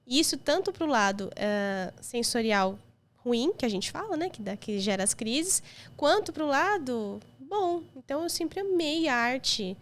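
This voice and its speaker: A young Brazilian woman with a Brazilian Portuguese accent, a podcast guest telling personal stories in an emotional, lively way. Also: high voice, a little slow. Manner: emotional, lively storytelling with quoted voices. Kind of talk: casual chat.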